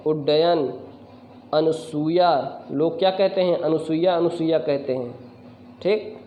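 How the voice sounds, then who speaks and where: A man's voice: a little high, mellow. Man teaching spelling in an echoey room. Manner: corrective, addresses viewers as friend. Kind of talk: spelling lesson to camera. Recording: echoey room, faint background noise.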